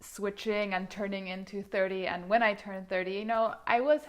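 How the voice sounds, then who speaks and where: A woman's voice: medium pitch, steady tone, moderate pace. Earnest thirty-year-old woman vlogger. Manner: earnest, thoughtful, frequent hedging fillers. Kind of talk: reflective casual monologue to camera.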